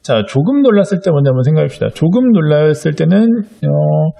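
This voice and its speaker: A man's voice: on the high side, big pitch swings, brisk, gravelly, warm tone. A middle-aged man teaching a drawing lesson to young children, explaining patiently step by step with frequent fillers. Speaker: art teacher.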